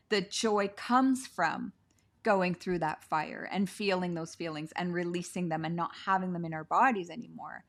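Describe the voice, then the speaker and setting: Effusive lower-pitched woman hosting a video call. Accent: Canadian. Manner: effusive, gushing, laughs often, says "like" a lot. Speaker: podcast host. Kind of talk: warm conversational interview. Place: sitting on the floor at home.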